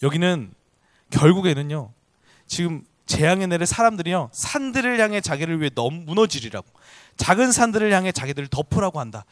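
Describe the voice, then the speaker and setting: Male pastor, sermon. Higher-pitched voice, swoops up and down, earnest and emphatic, dry close sound. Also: sing-song, a little fast, dry recording. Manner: earnest, emphatic preaching with rhetorical questions.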